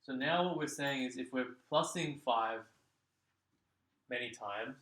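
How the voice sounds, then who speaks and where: A man's voice: mid-range voice, measured pace, a bit bright. A man tutoring a child in maths one-on-one, explaining patiently and checking in with frequent "okay?"s. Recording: echoey room.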